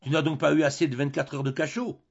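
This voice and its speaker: A man's voice: on the high side, fairly even intonation, fast talker, vocal fry, husky, lo-fi sound, voice pushed up. A man voicing a curt, impatient prison director who speaks brusquely and dismissively.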